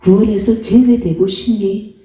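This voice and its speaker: A woman's voice: mid-range voice, steady tone, measured pace, warm tone, recorded from a distance, close to an everyday voice. A woman voicing the Lord, who sternly rebukes and questions a believer. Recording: echoey hall, voice off-mic.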